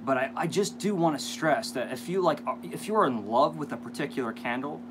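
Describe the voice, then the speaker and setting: A man's voice: medium pitch, fairly quick. Man chatting casually over noticeable noise. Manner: rambling, hesitant, self-deprecating asides. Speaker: vlog host. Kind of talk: casual unboxing chat to viewers.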